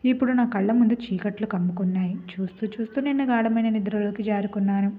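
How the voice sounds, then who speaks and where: A woman's voice: medium pitch, quick pace. A woman narrating a dramatic first-person story, telling it with emotional, tearful-toned delivery. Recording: tinny phone-like lo-fi.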